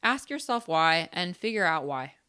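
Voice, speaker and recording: A woman's voice: on the low side, moderate pace, smooth. A woman co-hosting a podcast, talking frankly and casually with plenty of filler words. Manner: frank, animated, lots of "like" fillers. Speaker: podcast co-host.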